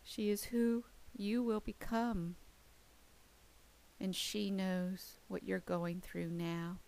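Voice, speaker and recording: A woman with a mid-range voice narrates a guided visualization. She speaks very slowly and deliberately, leaving space between short phrases. Her delivery is gentle and soothing, as a meditation leader. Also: medium pitch, rough recording.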